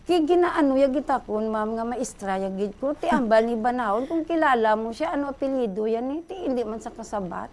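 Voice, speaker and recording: A middle-aged Filipina with a Hiligaynon accent, calling in to a radio show and excitedly retelling a story. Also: female voice, fairly high pitch, a little fast, few pauses. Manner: excited, breathless retelling, addresses host often. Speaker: caller.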